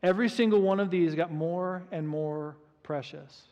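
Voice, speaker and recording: A pastor preaching a sermon, telling the story in an animated way with frequent restarts. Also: male voice, fairly high pitch, moderate pace, dull audio. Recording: reverberant hall.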